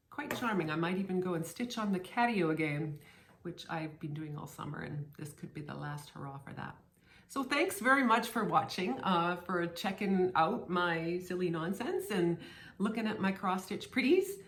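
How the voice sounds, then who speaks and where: A woman chatting casually on her cross stitch vlog, playful and warm with friends, often repeating words as she restarts. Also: lowish voice. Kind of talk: casual chat to camera. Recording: roomy echo.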